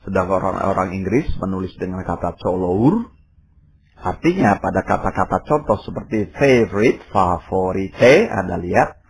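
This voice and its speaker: Casting: male teacher, very low voice, patient explainer, faint hiss behind. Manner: explanatory, pauses with fillers, drills words slowly. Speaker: English teacher. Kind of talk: recorded lesson narration.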